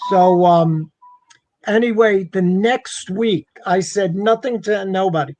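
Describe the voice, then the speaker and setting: A guest tells a personal ghost story in a casual, conversational way, acting out what people said. His voice sits high with a darkish tone, he speaks slowly, and there's no echo.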